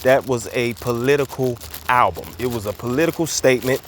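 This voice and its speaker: Man, slightly breathless, walking outdoors, emphatic and loose, mid-pitched, faint background noise. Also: a little fast. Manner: loose, emphatic, frequent fillers and repeats. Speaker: commentary host. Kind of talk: casual monologue while walking.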